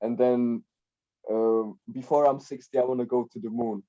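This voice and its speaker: A young man from the Czech Republic, appearing as a guest life coach on a podcast, speaks at a moderate pace in a level, mellow, mid-range voice. He chats casually but rambles, repeating words and leaning on "like" and "right?". It's a dull, lo-fi recording.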